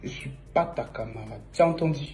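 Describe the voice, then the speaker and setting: A young man putting on a low, menacing mutter as an enraged version of himself hissing threats. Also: fairly quick, darkish tone, faint music behind, close to an everyday voice.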